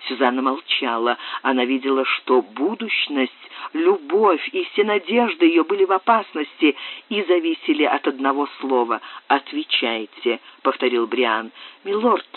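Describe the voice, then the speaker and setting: A man narrating a nineteenth-century novel as an audiobook, with a steady literary reading. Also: medium pitch, normal speed. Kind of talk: scripted narration. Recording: narrow phone-like audio.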